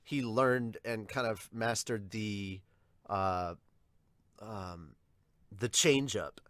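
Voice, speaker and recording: A podcast host reads viewer comments aloud and discusses them in a casual, somewhat hesitant way. His voice is lowish and a bit bright, and he draws out his words. There is no echo.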